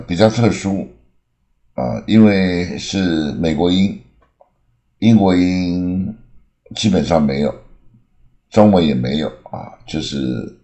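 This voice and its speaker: An older man with an extremely low, dark voice. He explains English words patiently, stretching out example words and dropping in many filler sounds. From Taiwan. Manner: frequent "啊" fillers, slow drawn-out demonstrations. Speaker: English teacher. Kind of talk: explanatory lesson, Mandarin mixed with English examples.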